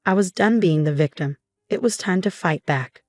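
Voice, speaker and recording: A woman reading a first-person story as scripted narration, in a steady, measured way. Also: fairly low pitch, dry recording, soft background music.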